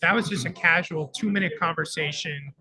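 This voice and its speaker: Crowd noise fills the background as a man with a fairly high voice co-hosts a live radio broadcast from a conference floor. He speaks a little fast, keeping the casual chat upbeat and friendly.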